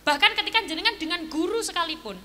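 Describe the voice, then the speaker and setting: A woman preacher, telling a story in a lively sermon and asking her audience questions, at a live religious gathering. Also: very high-pitched, rapid-fire. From East Java. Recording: echoey live event with faint ambience.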